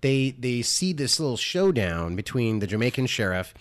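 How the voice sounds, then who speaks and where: A man's voice: medium pitch, big pitch swings, normal speed. A man co-hosting a casual movie podcast, rambling through scenes with lots of fillers. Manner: rambling, full of "like" and "uh". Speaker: podcast co-host. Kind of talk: casual movie-review chat.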